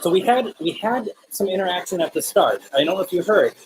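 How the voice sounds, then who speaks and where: A paranormal investigator hosting a live spirit box session, speaking casually and haltingly, often putting questions to unseen listeners. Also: medium pitch, expressive. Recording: noisy, rasping static. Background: raspy radio static noise.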